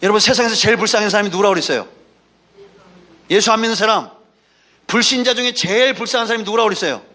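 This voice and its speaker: Pastor guy giving a sermon, high bright voice, chatty asides and stories, keeps asking the church to answer back. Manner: emphatic preaching with audience call-and-response; folksy, mixes asides and anecdotes.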